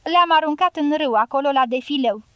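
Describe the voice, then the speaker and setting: A woman's voice: high-pitched, no room sound, lo-fi sound, pitched above the performer's own voice, natural voice. A woman reading the part of a sullen male guerrilla leader in an audiobook, speaking bluntly and curtly. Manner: blunt, curt and self-justifying.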